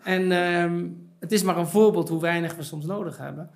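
A man's voice: high voice, normal speed, gravelly. A middle-aged man, a podcast guest and author, talking reflectively in a casual chat with many fillers and repeated words. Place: podcast studio.

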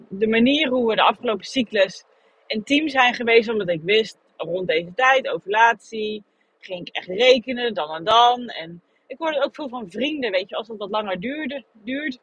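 Husky woman in a candid podcast monologue. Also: medium pitch. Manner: candid, searching, thinks aloud. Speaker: podcast host. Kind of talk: personal reflective monologue. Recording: dull lo-fi recording.

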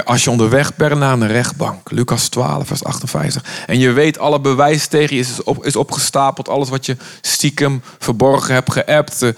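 A man from the Netherlands preaching an urgent, impassioned sermon, sometimes voicing the words of Jesus. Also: medium pitch.

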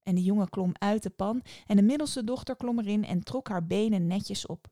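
A woman telling a fairy tale in calm, scripted podcast narration. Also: mid-range voice, normal speed, no room sound, studio quality. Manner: calm, even storytelling. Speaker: podcast storyteller.

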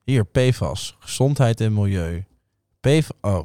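A man's voice: on the low side, expressive, measured pace, mellow, no room sound, clean studio sound. A man co-hosting a casual comedic podcast, rambling and stumbling over his words in a jokey way. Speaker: podcast co-host.

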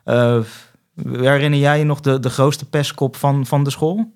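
A man's voice: mid-range voice, steady tone, unhurried, clean tone. A young man from the Netherlands, a podcast guest, tells a travel story in casual chat and acts out phone calls.

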